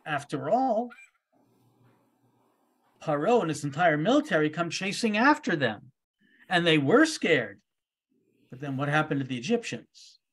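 A man leading a virtual Torah study group over a video call, animated and playful, acting out the voices in the stories he tells. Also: a little high, unhurried, long pauses, slightly rough. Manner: animated, acts out voices in quotes.

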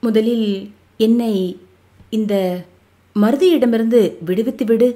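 A woman's voice: on the high side, fairly even intonation, slow, warm tone. Woman reader doing an older man, a guru, pitiful, pleading, audio novel figure.

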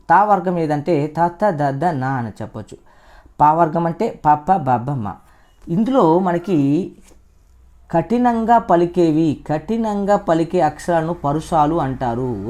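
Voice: medium pitch, darkish tone. A teacher giving an exam-prep lecture, repeating each term and quizzing the listener with frequent "right?" checks. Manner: drills terms by repeating them and quizzing the listener; tags points with "right?" checks.

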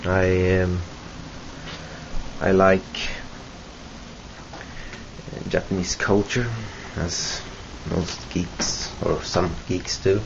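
A young Swedish vlogger gives a casual self-introduction to his webcam from a small room at home, speaking slowly in a deep, flat voice with vocal fry. He's hesitant, full of ums and restarts. The close-range webcam audio is dull and lo-fi, with hiss.

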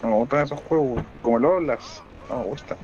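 A man's voice: mid-range voice, brisk, darkish tone, highs cut off, slight background noise. A man with a Chilean accent chatting casually with a fellow gamer. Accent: Chilean Spanish. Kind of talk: casual chat. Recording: game gunfire behind. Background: war game sounds.

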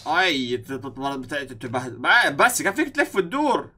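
A young man with a Levantine Arabic accent giving let's-play commentary, excitable and swinging between yelling and muttering to himself. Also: a little high, normal speed, background noise. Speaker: gaming YouTuber.

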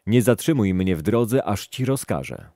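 A man's voice: lowish voice, big pitch swings, normal speed, mellow, dry recording, studio quality. A man reading as an earnest devout woman.

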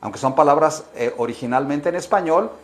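A man teaching English to Spanish speakers, coaxing students to repeat phrases and slowing down to stress each English word. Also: on the high side, expressive.

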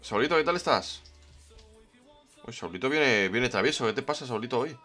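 Brief: man, Spain Spanish accent, playful game streamer reading his chat, middle pitch, faint music underneath. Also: lively intonation, moderate pace, bright, forceful tone. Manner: chatty, playful, greets viewers by name. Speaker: livestreamer. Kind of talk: casual livestream chat, reading the chat.

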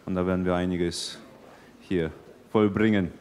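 A man's voice: low-pitched, steady tone, normal speed, darkish tone. A man in his thirties, a fighter giving short, confident interview answers into a handheld mic. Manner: terse, confident. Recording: hall reverb with faint background noise.

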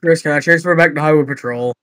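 A man's voice: a little high, quick pace, fairly bright tone, no echo, poor audio. A man in casual voice chat, complaining and fed up.

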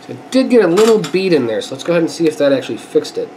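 Very fast and fairly high-pitched, this man's voice carries a stuffy sound from a sinus infection, with a bit of hiss or hum in the background. He's a repair channel host at an indoor workbench, relaxed and chatty, thinking aloud while doing a hands-on repair.

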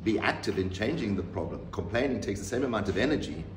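A man in his fifties from South Africa, an artist answering interview questions in a measured, reflective way with pauses and restarts. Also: fairly low pitch, lively intonation. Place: room with bookshelves, seated in leather armchair. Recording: roomy, distant mic, audible background noise.

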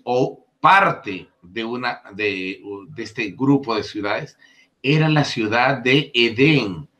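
A man giving a Bible lesson, explaining the Hebrew words of a passage and reading verses aloud with deliberate stress on key words. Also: medium pitch, bright, forceful tone. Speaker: Bible teacher.

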